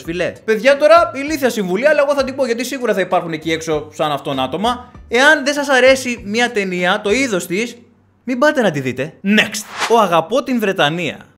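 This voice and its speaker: A man in his thirties, a movie-reviewing YouTuber, reading out viewer comments and answering them sarcastically. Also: high-pitched. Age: 30s. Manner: sarcastic, animated, switches voices.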